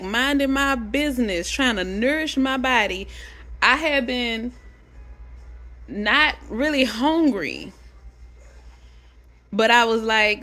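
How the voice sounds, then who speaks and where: A young adult woman vlogging, telling a casual story to camera, animated and chatty, swearing freely. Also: a little high.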